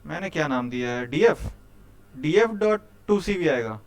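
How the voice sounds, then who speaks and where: A young man teaches a live coding class. His voice is smooth and resonant and sits a little high. He chats with his students, teases them and keeps quizzing them. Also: lively intonation, normal speed. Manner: chatty, quizzes students, keeps saying "bhai".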